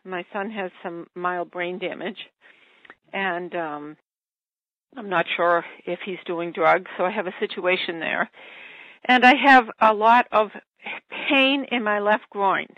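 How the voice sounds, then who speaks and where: An older woman calling in to a radio show, excited and giggly, talking in a rambling way about her troubles. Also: mid-range voice, takes it slowly, no echo. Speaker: caller. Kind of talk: call-in radio chat. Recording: muffled phone line, dry.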